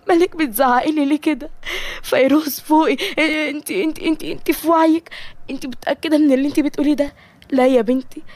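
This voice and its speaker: A woman's voice: sits high, darkish tone, no room sound, pitched above the performer's own voice, close to an everyday voice. A woman doing a weeping, wounded mother. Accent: Egyptian Arabic. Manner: pleading, wounded. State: crying. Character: hurt, tearful middle-aged mother.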